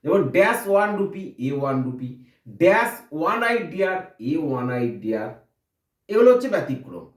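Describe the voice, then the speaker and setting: High, lively man teaching a grammar lesson. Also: brisk, echoey room, distant mic. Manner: explains step by step, asking and answering his own questions.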